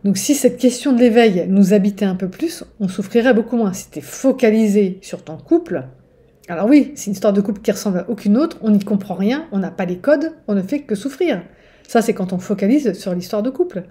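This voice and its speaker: A woman's voice: mid-range voice, animated, brisk, dark tone. A woman giving a casual teaching monologue as a spiritual relationship coach, chatty and digressive, often checking in with listeners. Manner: digressive, with restarts.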